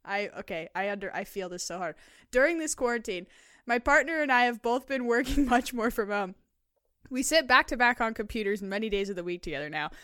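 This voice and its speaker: A woman's voice: a little high, a little fast, clear, resonant tone, dry recording. Laughing woman podcast host, dry close mic. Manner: laughs often, animated reading, filler likes. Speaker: podcast co-host reading listener stories. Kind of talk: casual podcast chat.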